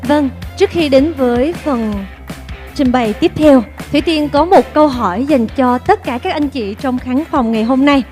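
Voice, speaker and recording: A woman's voice: high-pitched, normal speed, darkish tone, faint music behind. A woman with a Vietnamese accent hosting a conference, upbeat and engaging the audience with questions. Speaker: event MC. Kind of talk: bilingual event hosting. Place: conference hall.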